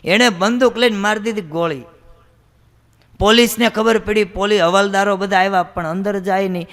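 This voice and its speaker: A swami tells one comic story after another to a gathered audience. He speaks in a fairly high male voice with a brisk storyteller's rhythm and slips into the voices of his characters as he goes. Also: steady tone, fairly bright tone. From Gujarat. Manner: brisk joke-telling, acts out characters' voices. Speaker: swami giving a comic religious talk. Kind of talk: humorous storytelling talk to an audience.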